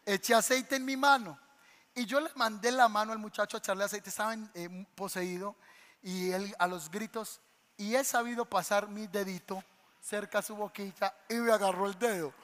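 Male pastor, lively storyteller, bright tone, long church-hall reverb. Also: high voice, moderate pace. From Colombia. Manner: animated storytelling, acts out voices. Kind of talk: sermon. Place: church sanctuary.

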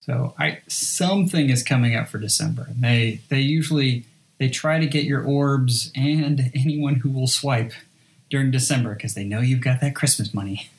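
A man's voice: medium pitch, moderate pace. Rambling male podcast host. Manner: rambling, self-deprecating, trips over his words. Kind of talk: casual podcast chat.

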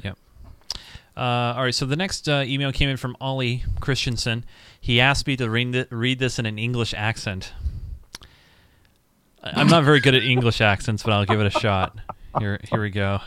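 A man's voice: mid-range voice, steady tone, normal speed, pauses often, fairly bright tone, smooth, no room sound. A man co-hosting a casual podcast, reading listener emails in an upbeat way and handing the next one over to his partner. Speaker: podcast co-host.

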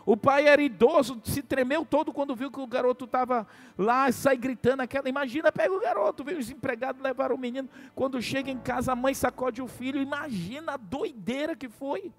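A man's voice: extremely high pitch, brisk, few pauses. A male pastor preaching a sermon who tells a dramatic story, calls out to the congregation for amens and jokes with people in the pews.

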